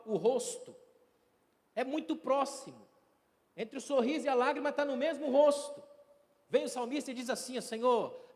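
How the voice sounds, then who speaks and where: A Brazilian man preaches in a church with a high, ringing voice. His delivery is emphatic and swings between hushed and loud. The sanctuary adds a long, trailing reverb to every phrase. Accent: Brazilian Portuguese. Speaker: pastor. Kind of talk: sermon.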